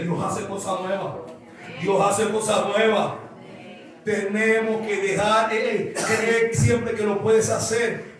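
High-voiced pastor preaching in echoey hall. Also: male voice. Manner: animated storytelling with a stammer imitation and laughter. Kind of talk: sermon. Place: church sanctuary. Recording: echoey church hall from far off.

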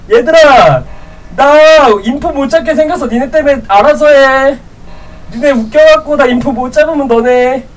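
High-voiced woman streaming a game. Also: far from the mic, poor audio. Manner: loud teasing banter, laughs often. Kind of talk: live gameplay chat with viewers.

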